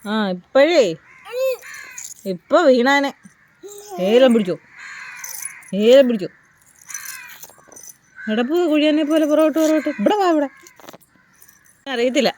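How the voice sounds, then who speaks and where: A woman's voice: high-pitched, unhurried, long pauses, a little mellow, a little hiss or hum. A mother talking to her baby at home in coaxing, sing-song baby talk.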